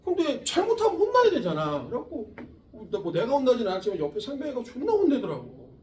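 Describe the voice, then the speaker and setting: A man's voice: very high-pitched, wildly swooping pitch, fast, darkish tone, a little hiss or hum. A middle-aged man giving a casual, profane science lecture to teenage students, acting out soldiers' lines as he tells stories. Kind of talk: classroom lecture with anecdotes. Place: classroom. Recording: echoey room from far off.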